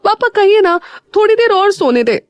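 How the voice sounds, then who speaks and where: A woman's voice: medium pitch, very animated, takes it slowly, no room sound, lo-fi sound. A woman voicing a spirited young woman who sulks and whines playfully at her family. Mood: sleepy whine. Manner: girlish pouting whine.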